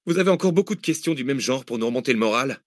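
A man reading an audiobook, voicing an excitable young man who swings between panic and cheer. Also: medium pitch, rapid-fire, no echo, clean studio sound, voice pushed up, natural voice. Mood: excited. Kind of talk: audiobook character voice.

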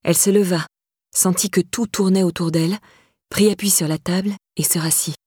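A woman narrates a crime novel in a low, husky, slightly breathy voice. Her reading is even and measured. The sound is dry and close, with no room around it. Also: no echo. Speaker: audiobook narrator. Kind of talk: scripted narration.

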